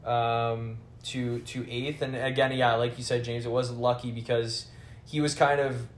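A man talks through a race recap in a casual podcast chat, his pitch staying flat and even as he leans on "like" and "kind of". The room is echoey, with a faint hiss underneath. He sounds relaxed and conversational. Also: unhurried. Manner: filler-heavy, hedging with "like" and "kind of". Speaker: podcast host. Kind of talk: casual chat about motor racing.

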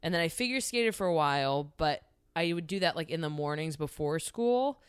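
A woman's voice: deep voice, lively intonation, moderate pace, smooth. A young woman from New Jersey, a podcast guest, chatting casually in a chatty, self-mocking way with playful swearing. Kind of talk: casual chat.

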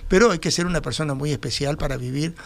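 Higher-voiced Uruguayan man, gravelly edge. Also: quick pace. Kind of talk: conversational radio talk.

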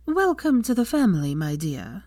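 A woman voicing a gracious lady in an old portrait who welcomes the newcomer warmly. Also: mid-range voice, very animated, moderate pace, dry recording, clean studio sound, close to an everyday voice. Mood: welcoming. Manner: warm, welcoming.

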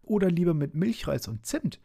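A man's voice: sits high, very animated, moderate pace, gravelly, dark tone, voice pushed up, exaggerated voice. A man voicing a small, cheeky, fearless creature in a bedtime storybook reading, with a chirpy, mock-polite manner.

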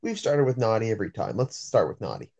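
A man's voice: lowish voice, big pitch swings, fast, creaky, a little mellow. A man co-hosting casual sports banter over a group voice chat, making his points in a matter-of-fact way. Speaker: sports podcast co-host. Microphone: remote voice chat call.

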